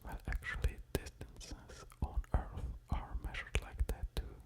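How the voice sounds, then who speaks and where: A man doing whispered ASMR in a soft unvoiced whisper, close to an ear-to-ear microphone, musing in a hesitant way. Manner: slow, hesitant delivery with musing asides. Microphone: close-up stereo ear-to-ear microphone.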